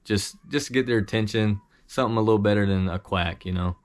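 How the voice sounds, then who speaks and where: A man giving an informal instructional talk as an amateur hunter, modest and halting in how he explains things. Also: fairly low pitch. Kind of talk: casual instructional talk with demonstrations.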